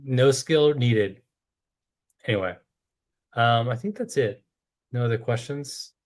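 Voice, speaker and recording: A man's voice: mid-range voice, takes it slowly. A man with an American accent hosting a casual chat in an informal, slangy way. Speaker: podcast host.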